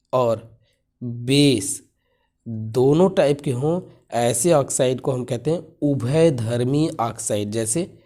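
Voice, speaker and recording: Slow, mellow-voiced male teacher. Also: mid-range voice. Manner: slow, repeats key terms and asks himself questions. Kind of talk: exam-paper lesson.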